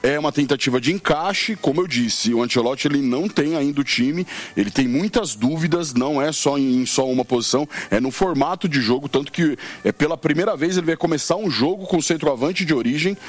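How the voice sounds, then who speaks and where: A man's voice: a little high, a little fast, few pauses. A man commenting on football on the radio, analysing the team while thinking aloud with frequent restarts.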